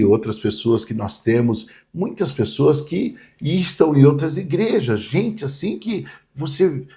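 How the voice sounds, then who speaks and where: A man's voice: mid-range voice, warm tone. A man, a pastor vividly telling stories in a podcast interview. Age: 60s. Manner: vivid storyteller, acts out quoted voices.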